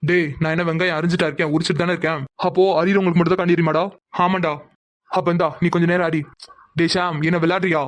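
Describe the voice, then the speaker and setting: A man's voice: on the high side, level tone, racing, natural voice. A man voicing a group of young men who banter and complain while cooking in a cartoon. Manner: joking, whiny complaints.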